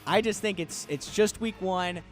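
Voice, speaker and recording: A man hosting a casual sports radio show from a studio, telling listeners to calm down in an easygoing way. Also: high voice, moderate pace, faint music behind. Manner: laid-back, urging everyone to calm down. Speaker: radio sports talk host. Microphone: studio microphone.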